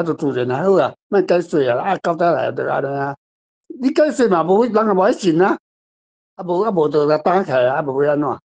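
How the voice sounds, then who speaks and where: With a fairly high pitch and a darkish tone, an older Taiwanese-accented man talks casually about the story he wrote. As the author guest in this literary discussion, he wanders through anecdotes and repeats phrases.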